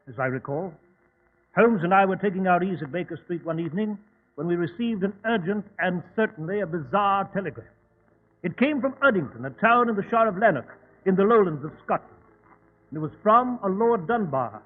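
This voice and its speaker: High-voiced, gentlemanly Doctor Watson. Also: male voice, expressive, brisk. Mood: storytelling, grave. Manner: formal, dramatic storytelling. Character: earnest, astonished gentlemanly doctor and storyteller. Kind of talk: old-time radio drama acting and narration. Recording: tinny old radio recording.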